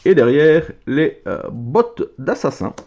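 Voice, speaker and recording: Lively, excitable man opening cards. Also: fairly high pitch, slow, lo-fi sound. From Belgium. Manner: excitable, chatty, reads card names aloud. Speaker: card game content creator. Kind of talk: casual card-opening commentary.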